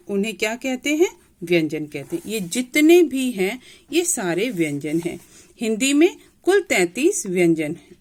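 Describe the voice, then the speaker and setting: A woman teaches young pupils a grammar lesson in a slow, patient way. Her fairly high voice swings widely in pitch as she repeats each point and asks questions. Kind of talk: grade-school grammar lesson.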